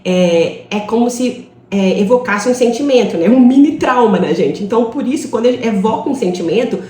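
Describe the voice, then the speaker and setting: A woman in her thirties with a Brazilian Portuguese accent teaches a live online English class. Her voice sits fairly high, and she tells her stories in a chatty way with lots of little tag questions. The sound carries the echo of the room. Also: lively intonation, fairly quick, warm tone.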